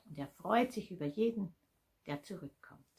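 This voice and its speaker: A woman narrating a Bible story for children as a religious education storyteller, expressive and emphatic. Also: on the low side, moderate pace, vocal fry.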